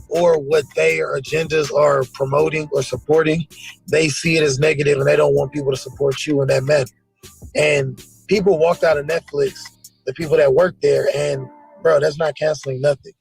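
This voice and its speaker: A man's voice: on the high side, creaky, husky. A man talking on a casual panel in a loose, slangy, emphatic way, his voice muffled as if heard through a wall from a phone microphone on a remote call. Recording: muffled and distant phone audio.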